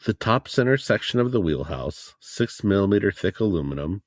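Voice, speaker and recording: A man with a very low voice reads technical passages in a steady, measured way and joins in casual podcast chat. The sound is dry and close. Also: dry recording. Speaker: podcast co-host. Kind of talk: reading a report aloud, casual chat.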